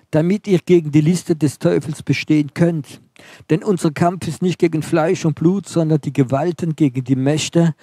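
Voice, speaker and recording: A man preaching a sermon, emphatic, building on short repeated phrases and often dropping to a quiet, intense delivery. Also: a little high, husky, no echo, clean studio sound.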